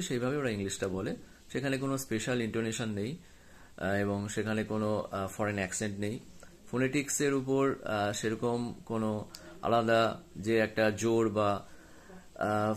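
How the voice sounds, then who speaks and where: A man, a film director, explaining his choices to the camera in an unscripted way, with many pauses and hesitant fillers. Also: on the low side.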